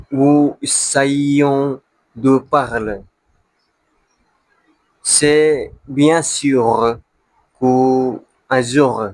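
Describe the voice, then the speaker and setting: A man who is a beginner learner, speaking broken French with a non-native accent in a casual monologue, halting to search for words and repeating them. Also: mid-range voice, no echo, low-quality recording. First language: not French, a beginner learner of French. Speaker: language learner.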